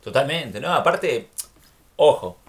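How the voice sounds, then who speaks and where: An Argentine man talks in a casual, reflective chat, laughing easily between thoughts. His voice sits at an ordinary middle pitch. He sounds unhurried. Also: sing-song. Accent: Argentine Spanish.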